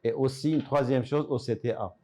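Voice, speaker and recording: An Iranian man of 60-plus, working as an ophthalmologist, walks an interviewer through his work and equipment in a teaching manner, supplying answers to his own questions. His mid-range voice is warm, fairly even in intonation and delivered at normal speed.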